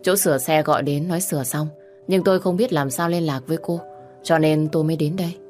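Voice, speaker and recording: A woman voicing a calm, helpful young man who speaks softly and reassuringly. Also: low-pitched, quick pace, faint music behind, lightly acted. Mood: gentle.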